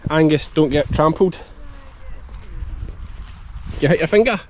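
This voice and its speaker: Out in an open farm field, a broad-accented Scottish sheep farmer in his thirties chats casually for his vlog, talking to a child and his sheepdog. His voice sits on the high side and moves a little slowly. An action camera at arm's length records him, and field noise comes through.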